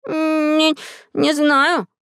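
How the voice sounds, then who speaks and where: A woman's voice: high-pitched, sing-song, fairly quick, a bit bright, no echo, clean studio sound, pitched above the performer's own voice, full character voice. Woman doing a timid curious boy. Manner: wondering, unsure.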